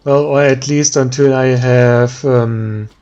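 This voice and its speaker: A man with a German accent giving tired, slow let's play commentary, thinking aloud with many pauses and ums. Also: medium pitch, steady tone, darkish tone. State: tired, yawning. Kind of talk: relaxed gameplay commentary.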